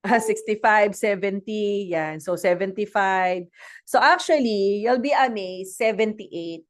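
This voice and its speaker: A woman's voice: medium pitch, slow. A woman with a Filipino accent giving a chatty motivational talk as a network marketing speaker, mixing in English and asking the audience questions. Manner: chatty, mixes English and Tagalog, asks the audience.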